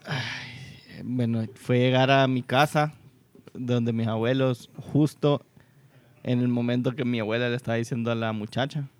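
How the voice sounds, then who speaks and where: A man with a Honduran accent telling a story in a casual chat, animated and acting out the quotes. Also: mid-range voice, unhurried. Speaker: podcast co-host.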